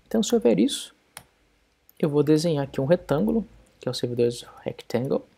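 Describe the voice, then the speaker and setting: A man's voice: fairly high pitch, big pitch swings, fairly quick, gravelly, warm tone, breathy edge. A man explaining code step by step in a programming tutorial screencast. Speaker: programming instructor.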